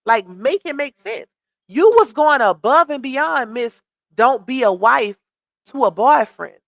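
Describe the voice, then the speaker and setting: A chatty woman hosts a gossip live stream, greeting viewers and reading out their comments. Her high, expressive voice has vocal fry and she's losing it, though she keeps a measured pace. The sound has no echo.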